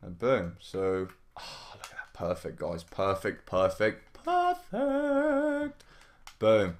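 A man hosting a gaming livestream, giving casual running commentary in an excitable way, often repeating his phrases and exclaiming. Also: low-pitched, a little slow. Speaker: livestream gamer, host. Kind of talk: live gameplay commentary, casual.

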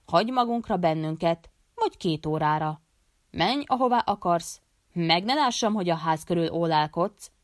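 Audiobook figure: tyrannical old sheikh, done by a woman narrator, shouting commands in a dry, close voice. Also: mid-range voice, lively intonation, hardly any pauses, dry recording, lightly acted. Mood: commanding. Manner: barking orders, shouting. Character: harsh domineering older male sheikh, a father.

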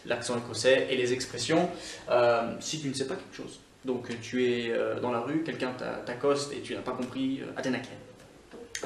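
A man's voice: mid-range voice, slight background noise. A man from Scotland, an online English teacher, giving a chatty YouTube language lesson full of small hesitations. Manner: lively and chatty, many hesitations. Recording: roomy, distant mic.

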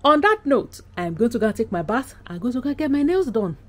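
Fast and very animated, this woman's fairly high voice carries a Nigerian accent as she chats candidly and emphatically to a camera at arm's length. She's a vlogger in her thirties from Nigeria, keeping things casual and conversational.

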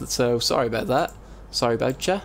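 A man's voice: mid-range voice, normal speed. A man giving casual gameplay commentary, rambling and thinking aloud, often interrupting himself. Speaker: let's play host. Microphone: compressed desktop microphone, voice-over. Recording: faint room noise, keyboard typing, compressed mic. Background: keyboard typing and background noise.

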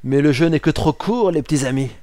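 A man giving casual, excitable commentary while playing a war game, swearing and talking back to the game. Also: a little high, a little fast, dry recording. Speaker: let's play gamer. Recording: game music under voice.

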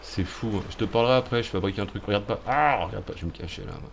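A man's voice: fairly low pitch, rapid-fire, vocal fry, slight background noise. A man hosting a let's-play video, making jokey, sarcastic commentary and muttering asides as he plays. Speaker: gaming video host.

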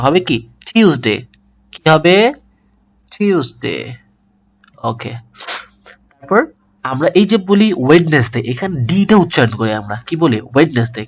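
Guy teaching english sounds, asks then repeats each word like a drill. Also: fairly high pitch. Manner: drills words by asking and repeating them. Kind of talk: pronunciation lesson.

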